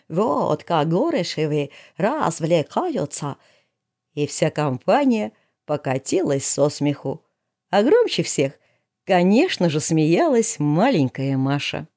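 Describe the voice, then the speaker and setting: A woman reading a comic story aloud as narrator, lively and expressive. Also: on the low side. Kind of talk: audiobook narration.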